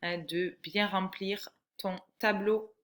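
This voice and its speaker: A woman teacher giving a patient, clearly articulated reading lesson to a young child. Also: medium pitch, steady tone, slow pace.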